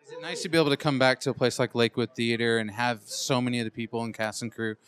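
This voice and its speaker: Man, red carpet host, mid-range pitch, upbeat promotional interview style. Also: fairly even intonation, fast, a bit bright. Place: film premiere red carpet at a theater.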